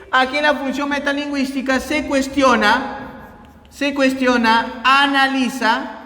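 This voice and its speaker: A man with a high voice and a Peruvian Spanish accent gives a lecture to his students. He leans on key words slowly, then lets his voice drop away, and keeps asking "¿ya?" to check they follow. The room is echoey, with a long reverb tail. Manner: explains with repeated checks like ¿ya? and ¿no?; stresses key terms slowly, then trails off quieter. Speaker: teacher.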